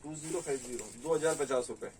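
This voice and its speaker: A man with a Delhi Hindi accent runs a saree shop and sells online, showing garments in casual talk while reading out prices and sizes. His voice is a little high and a little mellow, and he talks fast. The rough recording comes from a distant mic with a bit of hiss or hum.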